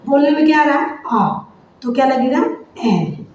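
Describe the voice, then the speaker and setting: A woman's voice: sits high, lively intonation, moderate pace, darkish tone, muffled recording. A woman teacher giving a grammar lesson, asking the class questions and answering them herself. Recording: very echoey room, faint noise.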